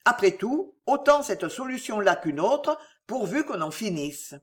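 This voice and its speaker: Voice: mid-range voice, very animated, a little slow. A reader voicing a blunt, cynical heavyset nobleman who speaks dryly and offhandedly. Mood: dry, offhand. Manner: dry and offhand.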